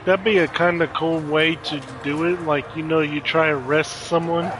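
A man's voice: a little high, steady tone, normal speed, noisy background. A man casually commenting while playing a video game, rambling and snacking as he talks. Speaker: streamer.

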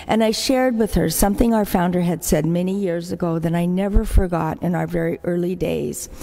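Her voice fairly low and gravelly, moving a little fast, an older religious sister appeals at Mass through warm anecdotes of her community's work, acting out quoted voices. The setting is a large church, with the echoey sound of a church hall.

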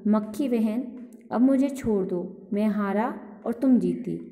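एक महिला कहानी में गुस्से वाले शेर, जंगल के राजा, की बातें पढ़ती है, रौबदार अंदाज़ में।. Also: female voice, medium pitch, slow pace, dark tone. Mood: weary. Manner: threatening, gruff. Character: angry male lion, king of the jungle. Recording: echoey hall reverb.

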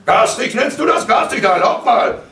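A man reading aloud, voicing a furious, bullying father who shouts in a high, strained voice at a live reading. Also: lively intonation, moderate pace, heavily acted. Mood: raging. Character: enraged elderly father, bullying and contemptuous. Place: cinema hall, live reading. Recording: roomy hall, mic far off.

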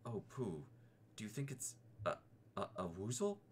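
A man voicing Piglet, a small timid male piglet who talks in a squeaky, nervous and hesitant way in a storybook reading. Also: wildly swooping pitch, a little slow, a little hiss or hum. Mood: excited.

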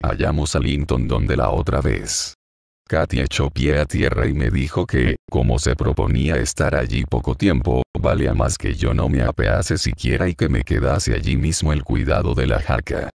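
A man giving a measured, scripted audiobook narration. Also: a bass voice, vocal fry, a little mellow, dry recording, clean studio sound.

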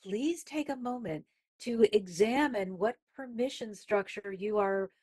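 A woman's voice: medium pitch, measured pace, a little mellow, slightly rough. A woman guest speaking on a podcast about gratitude, emphatic and repeating words for stress. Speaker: guest, spiritual healer. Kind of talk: inspirational podcast talk.

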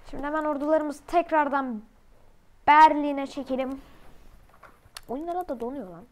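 A woman giving casual commentary while playing a strategy game, excitable and quick to burst into loud, crude outbursts. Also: sits high, low-quality recording.

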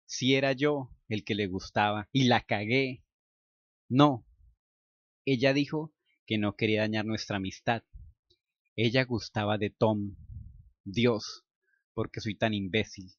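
A man's voice: steady tone, measured pace, long pauses, no echo. Male story reader, first-person, jumpy inner monologue, lo-fi and dry. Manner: frantic, high bursts in inner monologue. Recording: dull, dry lo-fi recording.

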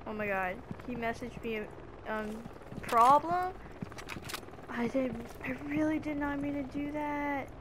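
Excitable young woman gamer, high-pitched. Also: moderate pace. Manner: excitable, keeps gasping oh my god. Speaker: gaming channel host. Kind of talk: live gameplay commentary. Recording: noisy game audio mixed in.

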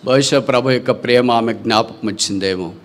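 A man preaching a sermon with big swings between loud, high passages and soft, low ones, asking rhetorical questions and dropping English phrases into his talk. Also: a little fast.

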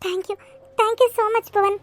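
A remorseful young wife from a cartoon serial, voiced by a woman, with a very high, piping voice. She speaks in a pleading, apologetic way. The sound is close and dry. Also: steady tone, slow pace, no echo.

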